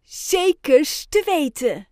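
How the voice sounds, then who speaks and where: Woman putting on a cheeky little penguin, high and eager. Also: big pitch swings, slow pace, darkish tone, no echo, studio quality, heavily acted. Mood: cocky. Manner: eager, playful and self-assured. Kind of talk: children's audiobook character voice.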